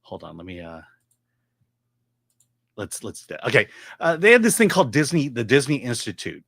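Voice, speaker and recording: A middle-aged man reviews films casually in a voice of average pitch. He explains his opinions haltingly, and the sound is dry and free of room echo. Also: huge pitch swings, vocal fry, a bit bright. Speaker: film reviewer. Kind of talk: casual movie commentary.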